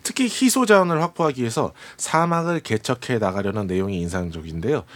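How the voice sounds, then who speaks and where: A man presenting and explaining a film in a measured, polite, scripted way to a host. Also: mid-range voice.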